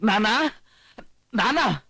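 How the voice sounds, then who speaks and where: Complaining, self-pitying young man, high and bright, close and dry. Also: animated, normal speed, no echo. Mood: whiny. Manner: whiny, complaining. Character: scheming, whiny young man who lost his bride. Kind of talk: movie comedy scene.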